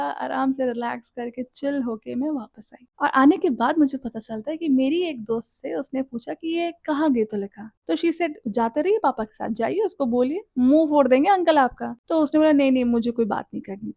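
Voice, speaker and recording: A woman's voice: high voice, gravelly, darkish tone, no echo, studio quality. A woman in her thirties telling a personal story in a casual way, acting out the lines she quotes and dropping in English phrases. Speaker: storyteller vlogger.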